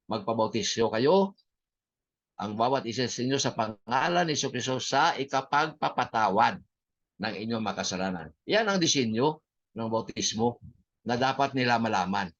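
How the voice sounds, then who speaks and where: A man with a Filipino accent teaching a church history class in an unhurried way, with many fillers and English phrases mixed in. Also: mid-range voice, fairly bright tone, dull audio.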